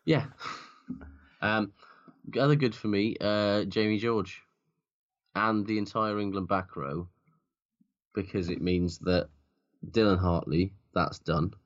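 A man's voice: lowish voice, slow pace, long pauses, dull audio. A man co-hosting a podcast, chatting casually, blunt and sweary, rambling through his points. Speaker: podcast co-host. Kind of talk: casual sports chat.

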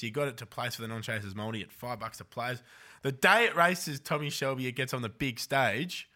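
A man's voice: mid-range voice, bright, forceful tone. An Australian man hosting a racing tipping show in casual, teasing banter with his mates. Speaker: host of a greyhound tipping show.

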